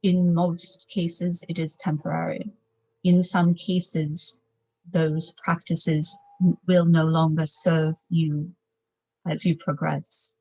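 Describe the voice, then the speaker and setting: A woman speaking as a trance medium, in formal, solemn, measured phrases, as if a spirit guide were advising a client. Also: sits low, level tone, mellow, rough recording. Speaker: trance channeler, seance medium.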